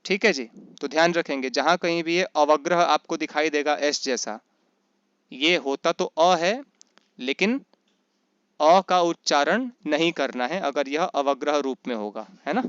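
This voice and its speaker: A man teaching Sanskrit in an online class, asking questions and answering them himself, and slowly chanting grammar rules. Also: fairly high pitch, fairly bright tone, smooth, no room sound, dull audio. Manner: often checks in with "is that right?". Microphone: computer mic in an online class.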